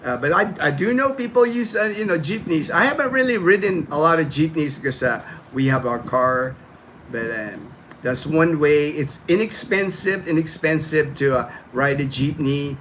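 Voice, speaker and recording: A man's voice: on the high side, animated, moderate pace, fairly bright tone, slight background noise. Rambling, chatty man hosting a livestream. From Philippines (Manila). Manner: rambling, chatty, full of fillers and restarts, replying to viewers' comments. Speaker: livestream host. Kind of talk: casual livestream chat.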